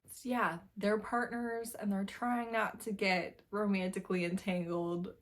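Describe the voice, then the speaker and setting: A woman hosting a video reviews books casually to camera, chatty and informal, repeating phrases for emphasis. Her voice is medium in pitch, steady in tone, and measured in pace.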